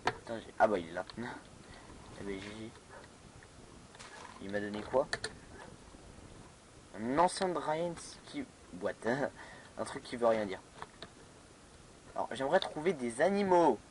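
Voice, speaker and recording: Over a noisy background, a man gives casual let's play commentary while playing a modded block-building game. His mid-range voice is very animated yet slow, full of pauses, fillers and restarts, and he's hesitant, laughing to himself as he goes.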